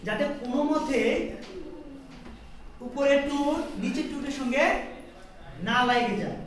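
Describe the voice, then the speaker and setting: A woman's voice: sits high, a little slow. A woman teaching English pronunciation to a class, drilling sounds by repetition and quizzing the students. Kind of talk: classroom lesson with call-and-response drills. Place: large echoey classroom. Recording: very echoey classroom from far off. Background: class of students responding.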